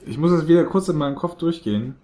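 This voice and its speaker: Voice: medium pitch, quick pace, dark tone. Rambling, emphatic podcast co-host. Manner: rambling, emphatic, self-mocking. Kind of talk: casual chat over drinks.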